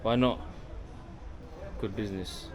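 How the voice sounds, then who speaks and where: A travel vlogger from London, with a London accent and a lowish voice, speaks slowly and fairly evenly as he walks an outdoor bazaar and its shops. Friendly and casual, he addresses viewers as guys over the noise of the busy street and crowd.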